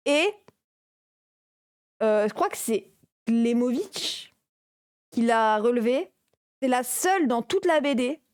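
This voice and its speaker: A woman's voice: fairly high pitch, dry recording, clean studio sound. A young adult woman streamer giving casual, sarcastic react commentary, chatty and full of fillers.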